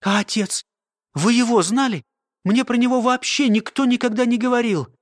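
An earnest young woman presses with eager, questioning words, as a man reads her. The voice is high-set and dry, close to the mic, in an audiobook. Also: normal speed, no echo.

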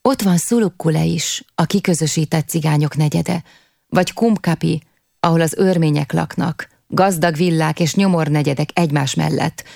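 A young man recalls his childhood in a wistful, confiding way, speaking straight to his listeners, as a woman reads him in an audiobook. The voice sits low with a gravelly edge. The recording is close and dry, with no room sound. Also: darkish tone, no room sound. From half Turkish, half Kurdish (figure). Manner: wistful storytelling, addressing listeners. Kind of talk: audiobook reading.

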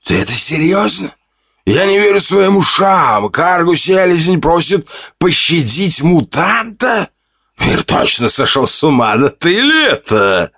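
A deep-voiced man puts on a cruel bandit chief in an audiobook, mocking and contemptuous, often pushing his voice higher in scorn. The voice is low, and the recording is dry and close. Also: big pitch swings, takes it slowly, no room sound, full character voice. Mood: sneering. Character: scarred sneering bandit leader man, cruel. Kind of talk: audiobook character voice.

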